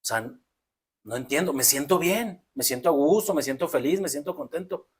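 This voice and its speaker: A man's voice: on the high side, lively intonation, normal speed, husky. A man with a Mexican accent talking reflectively in a casual podcast conversation, explaining at length. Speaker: podcast co-host.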